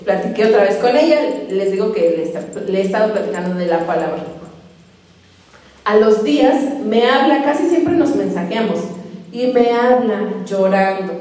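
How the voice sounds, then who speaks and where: A woman preaching a sermon, retelling conversations in animated, lively voices. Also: on the high side, slight background noise. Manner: animated storytelling, voicing both sides of conversations. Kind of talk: sermon with retold dialogue. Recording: echoey hall, voice from far off.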